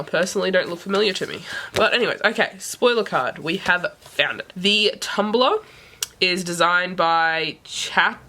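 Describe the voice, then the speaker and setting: A woman with a hoarse voice that is giving out from sickness, chatting casually and thinking aloud as she vlogs an unboxing. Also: lowish voice, sharp tone. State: hoarse, sick-sounding voice that is giving out. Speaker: book vlogger.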